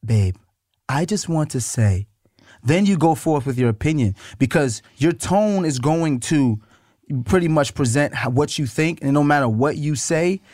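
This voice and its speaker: A man in his thirties, co-hosting a casual couples podcast, teasing and dropping into a low, soothing tone to make his points. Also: expressive, a little slow, darkish tone, no echo, studio quality. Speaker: podcast co-host.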